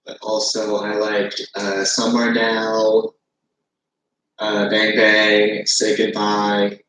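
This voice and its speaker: A man's voice: fairly low pitch, monotone, slow pace, background noise. A man in an old video, hesitantly listing his favorite songs with many fillers. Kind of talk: casual music review. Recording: echoey room.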